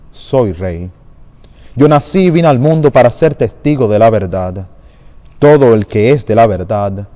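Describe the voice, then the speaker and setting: A man giving a measured, solemn liturgical Gospel reading at a Good Friday service in a large church. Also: mid-range voice, warm tone. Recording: long church reverb.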